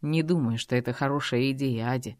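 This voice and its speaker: A woman's voice: very deep voice, a little fast, darkish tone, no room sound, clean studio sound. A woman voicing a stern young man who speaks curtly and firmly, in an audiobook reading. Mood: cold, firm. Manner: curt, firm, commanding. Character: stern, cold young man, a dragon shifter. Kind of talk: audiobook character voice.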